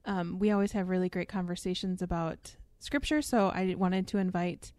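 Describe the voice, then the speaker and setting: A woman's voice: on the low side, moderate pace, a little mellow, dry recording, clean studio sound. A woman hosting a faith podcast, speaking in a friendly, conversational way. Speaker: podcast host. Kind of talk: casual chat.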